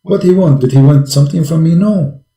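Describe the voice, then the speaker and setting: A man's voice: a little high, brisk, warm tone, echoey room, low-quality recording. A man preaching to a caller with great passion. He fires off repeated rhetorical questions and speaks English with non-native grammar.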